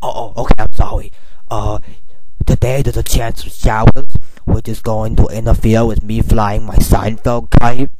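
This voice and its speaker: A man's voice: fairly low pitch, level tone, normal speed. A man acting as a comic correspondent on an amateur radio skit. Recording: loud noise, clicks, homemade recording.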